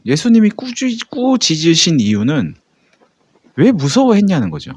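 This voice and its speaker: A man's voice: fairly high pitch, darkish tone, dry recording. A man, a pastor, preaching a sermon in a conversational way, with many rhetorical questions to the congregation.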